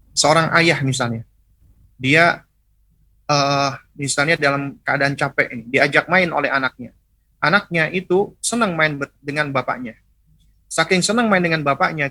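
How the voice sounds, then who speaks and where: A man's voice: on the high side, sharp tone, no room sound. A man giving a religious parenting lecture, teaching step by step, asking rhetorical questions and tagging his points with "ya". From Indonesia. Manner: didactic, rhetorical questions, frequent "ya" tags.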